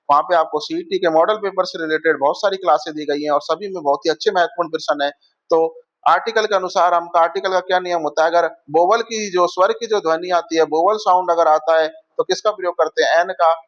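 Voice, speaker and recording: A man's voice: fairly high pitch, fairly bright tone. A male teacher, going through exam questions and quizzing his listeners with repeated questions. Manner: addresses viewers as friends. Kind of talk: exam prep lesson. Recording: dull lo-fi audio.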